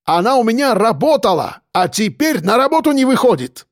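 Man playing a hot-tempered cafe owner, high voice, swinging pitch, audiobook. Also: very animated, brisk, no echo, clean studio sound, exaggerated voice. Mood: insistent. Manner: loud, pleading, gesturing.

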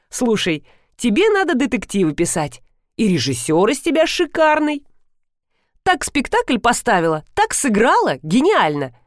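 A woman reading an audiobook, expressive and lively, doing the characters' lines herself. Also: mid-range voice, no room sound, studio quality. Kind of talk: audiobook narration with character voices.

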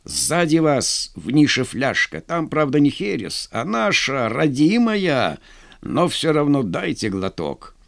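A man's voice: fairly high pitch, wildly swooping pitch, slow, gravelly, heavily acted. Man voicing a bold wounded naval lieutenant. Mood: strained. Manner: shouting commands. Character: wounded, fearless young male naval lieutenant. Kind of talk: audiobook character voice.

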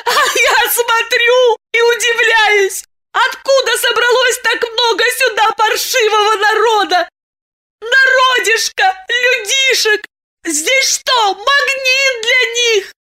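A woman voicing a naive young village girl who shouts through her tears in a hysterical rage. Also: very high voice, steady tone, slow pace, voice pushed up, heavily acted. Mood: sobbing fury. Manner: shouting, tearful, breaking into sobs.

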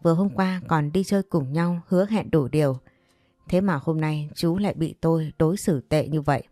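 A woman narrating an audio story in a steady storytelling manner. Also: deep voice, normal speed, no room sound. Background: faint music.

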